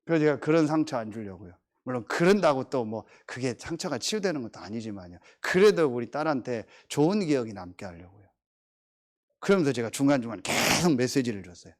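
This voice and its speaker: Animated middle-aged male preacher. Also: mid-range voice. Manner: animated, emphatic preaching with drawn-out stressed phrases; chatty, joking asides about family. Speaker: pastor. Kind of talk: sermon.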